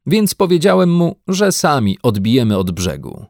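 A man's voice: fairly high pitch, very animated, normal speed, darkish tone, no room sound, studio quality, voice pushed up. A man voicing a confident, bossy family father in an audiobook reading, hearty and commanding. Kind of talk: audiobook character voice.

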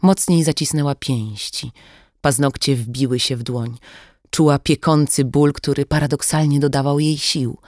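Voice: medium pitch, steady tone, moderate pace, a little mellow, dry recording. Dry, close audiobook narration. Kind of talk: scripted thriller narration.

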